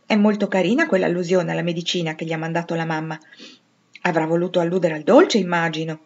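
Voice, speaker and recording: A woman's voice: on the low side, fairly even intonation, fast talker, darkish tone, lo-fi sound. A woman voicing a sentimental, romantic older sister with a knowing air. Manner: dreamy, knowing.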